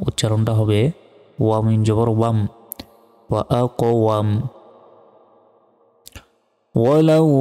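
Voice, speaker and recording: A man gives a Quran reading lesson, spelling out each letter in an even, methodical way before he chants the verse slowly. His voice is low, smooth and resonant, with a flat, steady delivery. A long reverb trails every word, and soft music plays underneath. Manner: slow, methodical letter-by-letter spelling, then drawn-out melodic recitation. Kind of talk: spelling out and reciting Arabic lesson.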